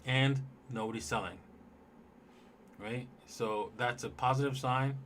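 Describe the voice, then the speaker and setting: A man's voice: medium pitch, steady tone, a little slow, a bit bright, slight background noise. A man hosting a casual livestream, talking loosely and in a rambling way straight to his viewers as he looks over charts. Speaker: livestream host.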